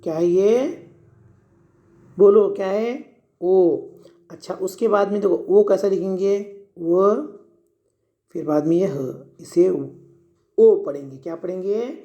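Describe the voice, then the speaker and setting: A man teaches young children to read, patient and repetitive. He talks slowly and sounds out every word letter by letter. His voice is warm and mellow. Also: high voice, dull audio. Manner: sounds out words letter by letter, asks and answers own questions. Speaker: primary school Urdu teacher. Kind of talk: reading lesson for young children.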